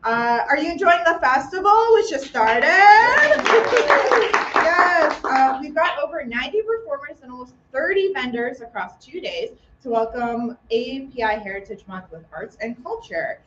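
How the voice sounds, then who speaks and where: A woman's voice: sits high, lively intonation, measured pace, heavy background noise. A woman emceeing a live arts festival from a theater stage, chatty and upbeat with self-joking asides, speaking into a stage microphone. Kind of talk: live event announcements. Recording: echoey, muffled live room sound.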